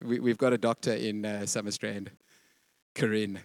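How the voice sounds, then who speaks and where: A man preaching a sermon as a pastor, animated and often laughing as he acts out what people say. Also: lowish voice, normal speed, no room sound.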